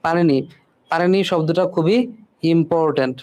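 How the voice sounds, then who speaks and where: A man's voice: on the high side, normal speed, a little mellow. A man teaching a spelling lesson, repeating each word and checking in with "right?" after almost every point. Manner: repeats words and keeps asking "ঠিক আছে?".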